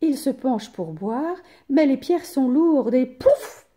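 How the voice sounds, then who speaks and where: Woman storyteller for kids' tale, slow and expressive, warm mellow tone, lively pitch. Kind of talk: children's story reading.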